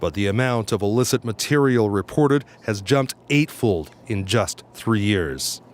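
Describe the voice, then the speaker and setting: A man narrating a television news report in a measured, scripted reporting manner. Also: on the low side, expressive.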